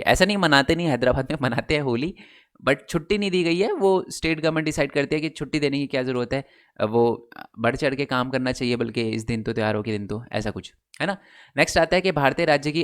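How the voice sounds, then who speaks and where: Casual man teaching in a chatty style. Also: medium pitch. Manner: conversational, checks in with "ठीक है" often, filler "अ"; mixes English terms into Hindi. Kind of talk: casual explainer lesson.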